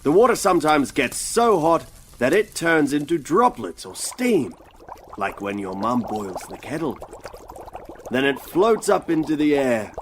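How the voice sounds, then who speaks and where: Broad, singsong children's-theatre professor, animated and slow. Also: medium pitch, a little hiss or hum. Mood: playful teaching. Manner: broad singsong children's-theatre delivery, sounding words out slowly. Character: cheerful know-it-all professor teaching young children. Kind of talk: children's story podcast acting.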